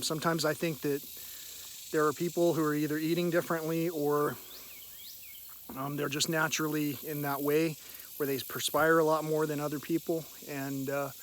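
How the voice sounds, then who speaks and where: A man vlogging outdoors in a halting, meandering, reflective way, often clearing his throat. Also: a little high, a bit bright. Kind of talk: rambling, reflective spoken vlog. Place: outdoors in a park by a river. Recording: hissy outdoor recording with insect noise. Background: cicadas, birds, hiss and nearby traffic.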